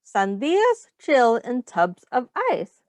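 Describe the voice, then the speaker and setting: A woman reads a picture book aloud to young children at a slow pace, her fairly high voice moving in animated swoops. Like a teacher, she explains things simply and stops to ask questions, in a dry recording.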